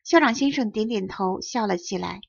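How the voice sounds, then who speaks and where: A woman's voice: mid-range voice, animated, moderate pace, creaky, slightly rough, dry recording. Woman narrating a storybook, dull lo-fi sound. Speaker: audiobook narrator. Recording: dry, dull lo-fi audio.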